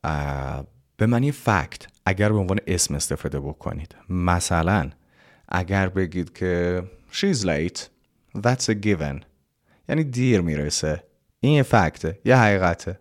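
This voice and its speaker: A man with a very deep voice gives a casual English lesson. He reads the example sentences slowly, spells words out letter by letter and explains each one in a relaxed, chatty way. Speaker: English teacher.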